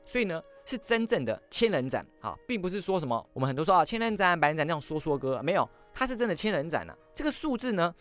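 A man hosts a history podcast and tells the story with swooping, animated pitch. His delivery is quick and theatrical. Soft music runs underneath his voice. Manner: lively, acts out quoted lines in shifting voices.

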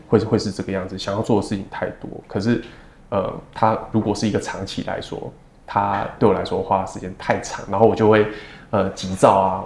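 A man in his thirties with a Taiwanese Mandarin accent, speaking as an interview guest in a measured, reflective way with many fillers. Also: fairly low pitch, a little mellow. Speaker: second-generation family business heir. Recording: roomy echo.

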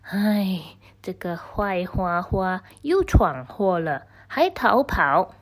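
A woman's voice: medium pitch, animated, slow. A woman voicing a worried old grandpa shepherd who anxiously calls for his lost pet snake in a children's storybook tale. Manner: calling out anxiously, scolding.

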